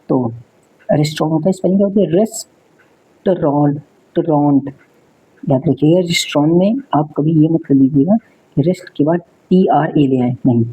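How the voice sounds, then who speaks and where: A man's voice: on the high side, mellow, husky, low-quality recording. A man teaching an exam spelling lesson, repeating words and spelling them out letter by letter. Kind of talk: spelling lesson, casual explaining.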